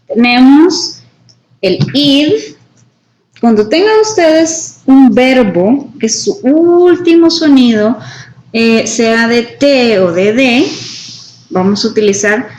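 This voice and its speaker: A woman's voice: a little high, animated, darkish tone. A woman English teacher giving a classroom lesson, explaining step by step and checking understanding with frequent tag questions. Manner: slow, explanatory, checks in with "right?" and "¿verdad?". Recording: echoey room, dull lo-fi sound.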